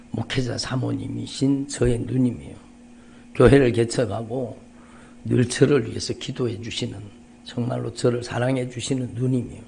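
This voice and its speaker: A middle-aged man, a pastor giving an emotional testimony in a dawn sermon, repeating phrases and swinging between quiet and loud. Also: mid-range voice, vocal fry, a little hiss or hum. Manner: emotional, repetitive, rising and falling intensity. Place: church sanctuary.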